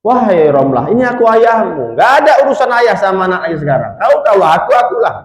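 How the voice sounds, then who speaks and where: A man's voice: high-pitched, very animated, fast, voice pushed up. A male preacher voicing a stern older father who threatens and pleads with his daughter. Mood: blustering. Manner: blustering, threatening. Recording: echoey hall.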